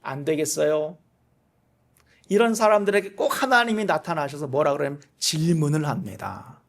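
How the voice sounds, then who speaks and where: Conversational male pastor, slightly high voice. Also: lively intonation, brisk. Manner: conversational, asks listeners rhetorical questions; voices quoted speech with shifts in pitch and loudness. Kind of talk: sermon.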